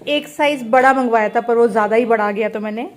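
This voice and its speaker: A woman's voice: a little high, quick pace. A young mother chatting casually in a home vlog, switching into playful baby talk with her toddler. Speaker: vlogger and mother. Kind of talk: casual family vlog chat. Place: home indoors.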